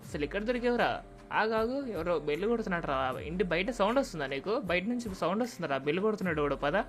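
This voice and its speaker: A woman voicing an exasperated young man who scolds and shouts at a kid, in a game dub. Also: fairly low pitch, lively intonation, very fast, faint music behind, lightly acted. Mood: scolding. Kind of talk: game dub role-play.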